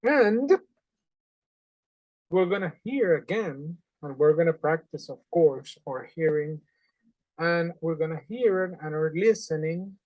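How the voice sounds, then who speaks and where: Casting: man in his forties from Honduras, teacher, earnest and animated, close dry webcam sound. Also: fairly high pitch, unhurried, no echo, low-quality recording. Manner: earnest, animated, with non-native phrasing. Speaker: English teacher. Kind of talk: online class lesson. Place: small indoor room at home. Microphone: webcam on a video call.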